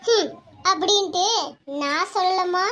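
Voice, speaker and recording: A woman voicing a spiteful female relative who taunts an in-law with sneering, drawn-out jeers. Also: extremely high pitch, noisy background, pitched above the performer's own voice. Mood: mocking.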